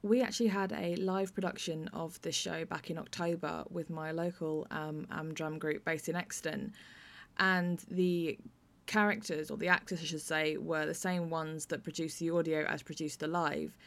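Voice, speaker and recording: A British playwright hosts a podcast, speaking conversationally about theatre writing in an interview and discussion format. Her voice sits low, with a steady tone and a normal pace.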